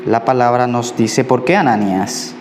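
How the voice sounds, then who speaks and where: A man's voice: medium pitch, moderate pace, a little mellow, slight background noise. A man preaching a conversational sermon as a pastor, often checking in with the congregation. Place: church. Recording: echoey church hall, faint ambience.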